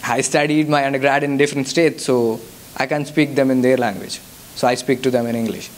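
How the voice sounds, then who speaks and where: A young Indian man speaks English with a Telugu accent, his native language, while answering audience questions as a guest speaker at a church youth service. His mid-range voice holds a steady tone at a fairly quick pace, and he sounds hesitant, with frequent fillers and restarts. There is slight background noise.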